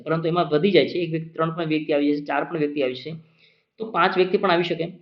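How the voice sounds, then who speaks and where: A male exam-prep teacher giving a classroom lecture, explaining patiently, repeating key points and checking that students follow. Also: on the high side. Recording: dull lo-fi recording.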